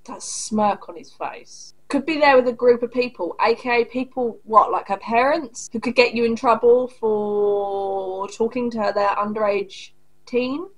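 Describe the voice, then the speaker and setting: A woman in her thirties hosts a reaction video from a desk in a small home room, giving casual commentary that's angry, blunt, sarcastic and heavily profane. Her fairly high, husky voice moves a little slowly, and the recording quality is low.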